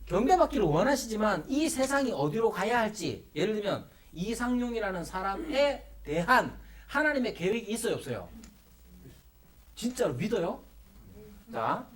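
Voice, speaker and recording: A man teaches a Bible study class as a pastor, his voice swooping widely up and down as he keeps asking the room rhetorical questions. He slips into playful acted-out prayers to make his points, speaking from a church classroom. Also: high voice. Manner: acts out playful mock prayers and quotes.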